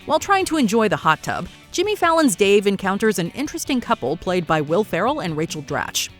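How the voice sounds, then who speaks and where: A woman's voice: medium pitch, sing-song, brisk, a bit bright. A woman reading scripted narration for a countdown video. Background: background music.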